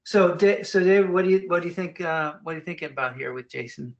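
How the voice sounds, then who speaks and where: A man with a slightly high voice moderates a conference call, speaking fast over lo-fi sound. He hands the floor to guests, puts questions to the speaker, and encourages him with frequent short affirmations.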